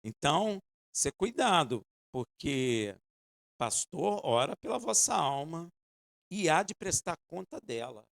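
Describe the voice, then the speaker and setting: A Brazilian man preaching with a high, gravelly voice. His delivery is animated and dramatic, rising and falling widely as he presses his congregation for an amen. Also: slow. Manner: asks the congregation for "Amen?" responses. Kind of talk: sermon.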